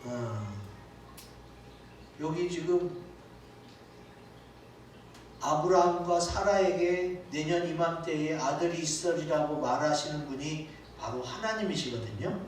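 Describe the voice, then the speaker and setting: A pastor preaches in a church sanctuary, slow and given to long pauses, his voice slightly high. He talks conversationally and asks rhetorical questions, recorded from a distance in an echoey hall with faint noise.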